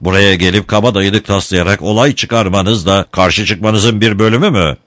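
A man's voice: on the low side, moderate pace, a bit bright, no room sound, natural voice. A man voicing a stern, wry village priest who speaks in a dry, reproachful way.

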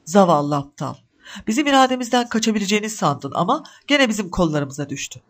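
A cruel ghostly spirit from a storybook reading, full of scorn and roaring at its prey, performed by a man. The voice sits high and loud, mocking and cold. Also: big pitch swings, quick pace. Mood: scornful.

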